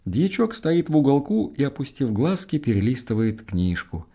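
A man narrating a story in a measured, expressive reading. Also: mid-range voice, husky.

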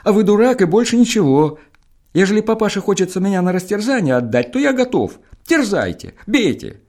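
A man's voice: medium pitch, wildly swooping pitch, unhurried, gravelly, slightly rough, heavily acted. A man voicing a sulky young man who answers back with grudging, servile defiance. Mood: defiant. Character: sullen, defiant young man, resigned martyr.

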